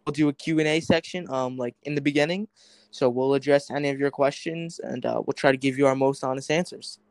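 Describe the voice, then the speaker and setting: A man's voice: mid-range voice, fairly even intonation, a little fast, dry recording. A teenage boy hosting a casual podcast, rambling with many fillers and restarts. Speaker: podcast host.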